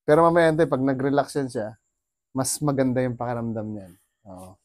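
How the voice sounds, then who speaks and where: A man's voice: medium pitch, normal speed, darkish tone, no room sound. A Filipino man working as a bone setter, talking a client through treatment in a soothing, coaxing way with frequent laughs. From Philippines.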